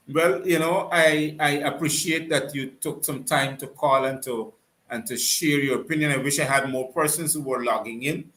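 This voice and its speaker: A man hosting a live online call-in talk show, courteous and unhurried, often trailing off and restarting. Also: on the high side, sharp tone. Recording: roomy echo.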